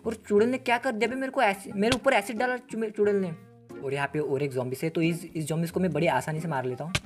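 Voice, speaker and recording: A man hosting a gaming channel talks through his gameplay at a rapid clip. He is excitable and keeps firing off slangy exclamations. Faint game music plays underneath. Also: sits high. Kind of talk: Let's Play gameplay commentary.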